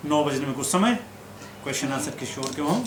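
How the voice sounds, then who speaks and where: A man teaching scripture as a sermon, telling stories lively and acting out the quotes. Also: mid-range voice, a little fast. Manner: animated storyteller who acts out quotes. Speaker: spiritual teacher. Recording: echoey room with background noise.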